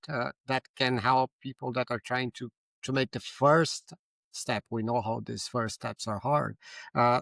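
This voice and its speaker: A man moderating a panel discussion, courteous and hesitant, with many pauses and restarts. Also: mid-range voice, creaky, a bit bright, no room sound.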